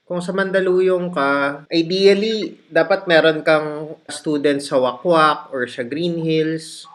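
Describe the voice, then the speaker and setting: A man from the Philippines hosting a casual coaching conversation, calmly explaining and giving advice. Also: fairly high pitch. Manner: measured, advising, explaining. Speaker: host, trainer.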